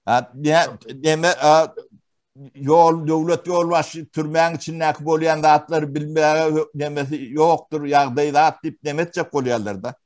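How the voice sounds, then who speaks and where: A man from Turkmenistan giving testimony in an interview, talking haltingly with many pauses and fillers. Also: a little high, steady tone, darkish tone. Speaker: witness interviewee.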